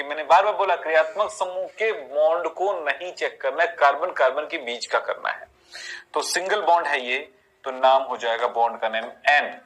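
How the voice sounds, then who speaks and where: A man with a fairly high, somewhat bright voice teaches a chemistry class about naming. He goes through it step by step, counting carbons aloud and asking his students rhetorical questions. The recording is rough.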